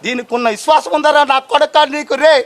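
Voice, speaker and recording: A man's voice: very high-pitched, fairly even intonation, fast. An actor playing a put-upon comic film man who scolds and grumbles in an exaggerated way. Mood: scolding.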